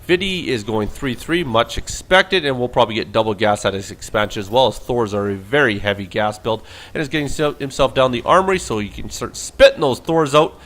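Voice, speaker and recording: A man's voice: mid-range voice, lively intonation, brisk, hardly any pauses, a bit bright. A man casting a video game replay with play-by-play commentary, casual and joking. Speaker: game caster.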